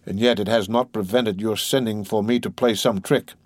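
A man's voice: lowish voice, steady tone, moderate pace, no echo, lightly acted. A man voicing a curt, irritable young man in an audiobook. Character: ill-tempered young man.

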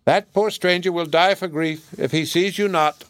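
A man voicing a prince who fakes a parrot's voice, high and chirpy in an eager storybook reading. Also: steady tone, normal speed, fairly bright tone, dry recording. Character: prince mimicking a chattering parrot.

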